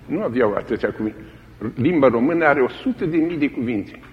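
A man's voice: medium pitch, animated. A man preaching a sermon in a dramatic way, repeating key phrases for emphasis. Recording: echoey hall, dull lo-fi old recording.

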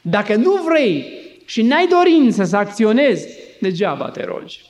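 A man's voice: sits high, very animated. A male pastor preaching an emphatic, dramatic sermon in a church. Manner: emphatic, dramatizing with acted voices.

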